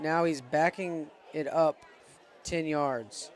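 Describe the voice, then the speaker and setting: A man's voice: on the high side, slow pace, some chatter behind, a little hiss or hum. A man doing live play-by-play commentary on a school football game, eager and groaning when plays go wrong. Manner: eager, pleads with referees, groans at setbacks.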